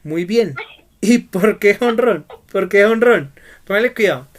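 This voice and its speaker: A man's voice: high-pitched, lively intonation, a little slow. A man teaching a Bible study lesson who keeps asking his students questions and prompting their answers.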